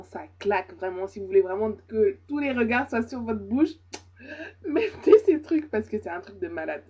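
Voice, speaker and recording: A woman's voice: medium pitch, dark tone, slightly rough. A young woman chatting casually to camera as a beauty vlogger, hesitant with many fillers and repeats. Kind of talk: casual makeup review. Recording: dull lo-fi camera audio.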